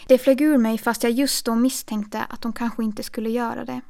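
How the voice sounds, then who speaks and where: A woman reads a first-person story aloud in a calm, measured voice. Her fairly high voice stays flat in melody and carries a gravelly fry. The delivery is steady, with dry little asides. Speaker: audiobook narrator.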